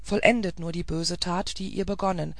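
A woman's voice: fairly low pitch, fairly even intonation, normal speed, no echo, clean studio sound, natural voice. A woman voicing a brave, steadfast old housekeeper who speaks firmly and resolutely in a storybook reading. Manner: firm and resolute.

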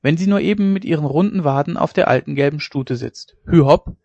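An earnest young farmhand who speaks plainly and keeps a steady tone, as a male narrator reads him. The storybook reading sounds dry and a little dull. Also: fairly high pitch, brisk, creaky, no echo.

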